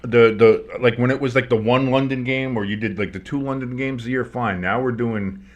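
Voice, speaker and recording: A male sports streamer with a mid-pitched voice that comes across tinny, as recorded in a kitchen. He calls plays and chats casually in between, with a blunt, sardonic manner. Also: fairly even intonation, moderate pace. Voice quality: tinny sound. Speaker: sports play-by-play commentator and stream host. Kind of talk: play-by-play commentary mixed with casual chat. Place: kitchen, not a studio.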